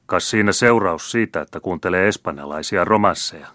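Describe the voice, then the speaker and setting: A noble father, voiced by a male audiobook reader, joking lightly and quick to grow impatient. His voice is low and dry. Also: sharp tone, no room sound. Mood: jesting, impatient. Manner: jesting, impatient.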